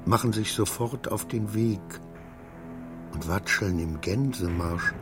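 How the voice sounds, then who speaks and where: In a German radio play, an actor voices the title councillor, a suspicious, agitated man who halts and repeats himself while scolding and wheedling his servant. His low-pitched voice sounds troubled and haunted.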